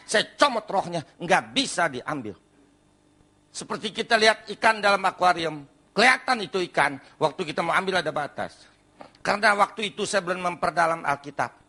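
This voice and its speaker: An older man giving a testimony sermon, telling his story with lively acted-out outbursts. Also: sits high. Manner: animated storytelling, acts out his past self with sudden loud outbursts.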